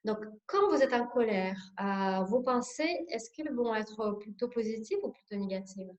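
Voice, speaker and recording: A woman's voice: a little high, expressive, normal speed, highs cut off. Woman in her forties with a Russian accent. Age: 40s. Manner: hesitant, many fillers, explanatory. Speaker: sophrology instructor. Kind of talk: introductory workshop talk.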